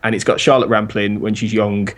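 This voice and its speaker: A man's voice: lowish voice, flat delivery, a little fast, fairly bright tone. A man, a podcast guest, rambling in casual chat and laughing often.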